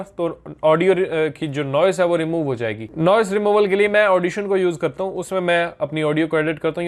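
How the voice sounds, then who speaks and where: Man giving a casual software tutorial. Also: fairly high pitch. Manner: step-by-step explaining, casually mixing in English terms. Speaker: video editing instructor. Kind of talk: screen-recorded software tutorial.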